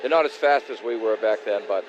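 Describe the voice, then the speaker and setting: A man's voice: lowish voice, fairly quick. A man in his sixties giving casual, modest, plain-spoken interview answers as a guest. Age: 60s. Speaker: former college hockey player, interview guest. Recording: dull lo-fi broadcast, faint noise.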